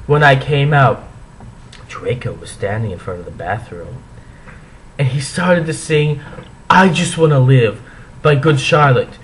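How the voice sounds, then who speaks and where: A man giving a hammy, stage-actor dramatic reading of fan fiction, with theatrical pauses and swells. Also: a little high, rough recording.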